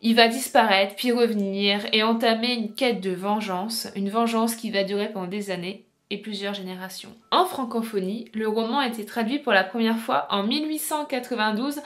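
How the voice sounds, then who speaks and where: A woman's voice: fairly high pitch, normal speed, few pauses. Young woman doing a book review vlog, chatty, explains stuff step by step with some euh's. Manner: thoughtful, explains point by point with fillers. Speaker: booktuber.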